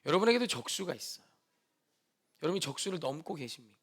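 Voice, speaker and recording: High-voiced gravelly Korean pastor preaching. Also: male voice, big pitch swings, fast talker, a bit bright. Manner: preaching with dramatic emphasis, acts out quoted speech. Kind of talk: sermon.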